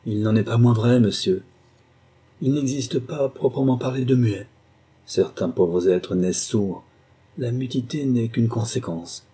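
A man's voice: medium pitch, a little slow, mellow, slightly rough. A man doing a grave, loyal old-school valet. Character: loyal middle-aged male valet, grave and earnest.

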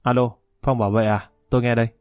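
A man's voice: medium pitch, flat delivery, quick pace, smooth, no echo, studio quality, close to an everyday voice. Man doing an offhand young banker. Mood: uneasy. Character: young male banker, confident, careless, worried.

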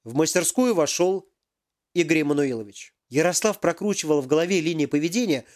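A man narrating an audiobook with expressive, animated reading. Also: on the high side, fairly quick.

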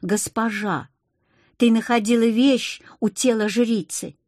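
A woman's voice: on the high side, slow, a little mellow, no echo, clean studio sound. A woman reading an audiobook, voicing a reverent male cat-headed alien with a solemn storytelling tone. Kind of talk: audiobook character voice.

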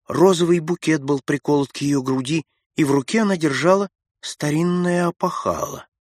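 A man narrating classic prose for an audiobook in a measured, steady storytelling manner on a close mic. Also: fairly high pitch, slightly rough, no room sound.

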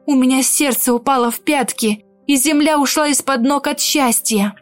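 A woman narrates a fantasy romance novel in the first person. Her voice sits somewhat high, and she reads with expressive, emotional shading. The delivery is scripted and steady. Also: moderate pace, no echo, faint music behind. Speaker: audiobook narrator.

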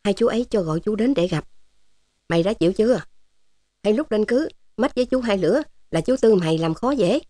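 A woman's voice: medium pitch, expressive, fairly quick, warm tone, no echo, natural voice. A woman voicing a jovial, teasing older male resistance officer in a storybook. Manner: teasing, fatherly, joking.

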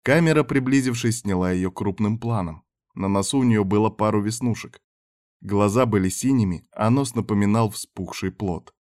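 A man narrating an audiobook chapter in a measured, even reading voice. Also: on the low side, no room sound, clean studio sound.

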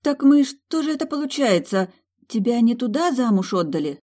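A woman's voice: a little high, very animated, moderate pace, dark tone, pitched above the performer's own voice. A woman doing a sheepish, guilty young friend. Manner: confused and apologetic.

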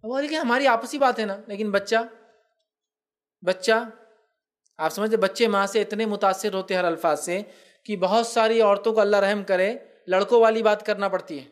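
A man with a high, light voice gives a religious talk in on raising children. He drops into his speech and slips into quoted family members to make his points. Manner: acts out quoted family members in lively asides. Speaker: Islamic speaker.

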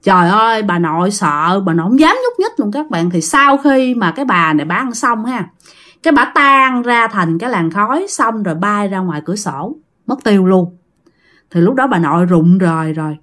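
A woman's voice: medium pitch, fairly bright tone. A woman telling a family ghost story in a chatty way, talking straight to her listeners. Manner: chatty, addresses listeners directly, laughs.

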